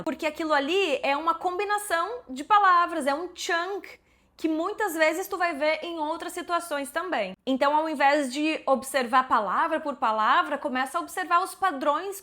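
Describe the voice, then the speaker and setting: A woman in her forties from Brazil, teaching English to camera and slowing down to model words. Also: sits high, a bit bright.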